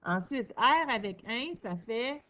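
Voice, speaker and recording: A woman with a Québécois accent teaching a reading lesson to children, sounding out words slowly and praising answers. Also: fairly high pitch, lively intonation, bright, forceful tone. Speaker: primary school teacher.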